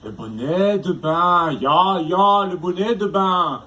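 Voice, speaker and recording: A man doing a menacing German officer interrogator in a put-on mock German accent, slow and theatrical. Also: sits high. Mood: gloating. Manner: slow, exaggerated, theatrical threats. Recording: noisy live room.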